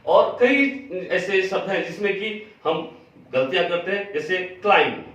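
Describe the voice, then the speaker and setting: A man with a fairly high voice gives a spoken pronunciation lesson. He spells each word out letter by letter and repeats the correct form patiently. The sound is very echoey, picked up from a distance with a dull tone. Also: animated, a little slow, a bit bright. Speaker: English pronunciation teacher.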